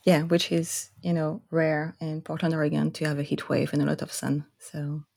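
Low-pitched, monotone and gravelly, with a touch of mellowness, her voice moves at a moderate pace. This woman in her thirties, a French-accented podcast host from Corsica, reads her scripted intro carefully and then chats casually with a guest.

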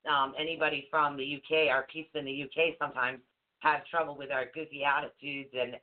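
A woman's voice: low voice, level tone, brisk. A woman hosting an online talk show, chatting in a rambling, self-interrupting way, a bit stuffy with allergies. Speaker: show host. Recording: tinny phone-like call audio.

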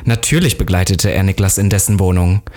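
A man reads a story aloud in a somewhat low voice. He stops now and then for amused, joking comments. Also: fairly even intonation, fairly quick, a little mellow. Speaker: co-host reading a story aloud. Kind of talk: reading a story aloud with banter.

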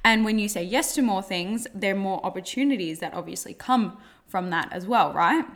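A woman's voice: mid-range voice, fairly bright tone. A woman hosting a casual motivational podcast, speaking informally and emphatically with repeated phrases and casual swearing, and pronouncing her R's like W's. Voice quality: cannot pronounce R's properly, r sounding like w. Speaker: podcast host and coach.

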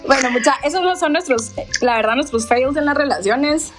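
A high-pitched woman in her late twenties tells stories in a casual chat. She is animated and swears freely, and her voice leaps way up whenever she acts out other people's lines. Soft music plays underneath. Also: moderate pace. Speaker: podcast co-host.

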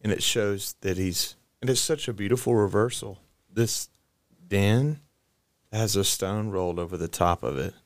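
A man co-hosting a podcast, retelling scripture with casual slang and quick paraphrases of what the characters say. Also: fairly low pitch, no echo. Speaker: podcast co-host. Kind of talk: casual Bible study discussion.

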